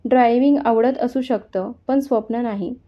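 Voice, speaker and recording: A woman's voice: a little high, fairly even intonation, moderate pace, close to an everyday voice. A woman voicing a young working woman who has run away from home, speaking with urgent questions in a story reading. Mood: questioning. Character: young woman, runaway office worker, impatient then friendly. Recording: dull lo-fi sound.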